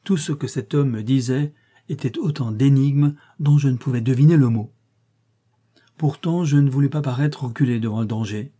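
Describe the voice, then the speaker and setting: A man narrating a classic short story in the first person, reading in a measured, literary manner. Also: mid-range voice, mellow. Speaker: audiobook reader.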